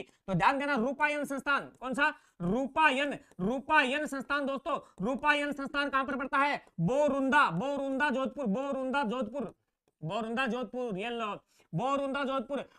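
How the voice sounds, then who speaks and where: High, bright-voiced male teacher drilling facts. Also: moderate pace. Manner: repeats key words over and over, keeps urging students to pay attention; builds memory tricks in a playful, chatty way. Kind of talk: exam-prep general knowledge lecture.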